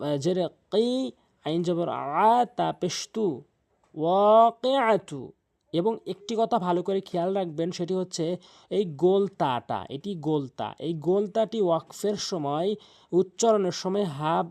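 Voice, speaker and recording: A man teaching Quran reading, patiently spelling out each letter with its vowel, then chanting the verse slowly and drawn out. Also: on the high side, vocal fry, warm tone. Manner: patient, repetitive instruction with frequent pauses. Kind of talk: spelling-out recitation lesson.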